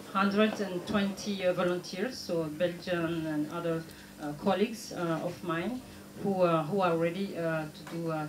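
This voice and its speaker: Female guest speaker, Burundian accent, lowish pitch, hesitant and halting, recorded with room echo and background noise. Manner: halting, hesitant delivery with frequent pauses. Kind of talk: talk show presentation.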